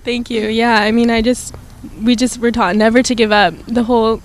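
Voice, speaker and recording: A teenage girl player speaks earnestly. Her pitch barely moves, so the delivery sounds level. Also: fairly even intonation, normal speed. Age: teens. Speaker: high school soccer player.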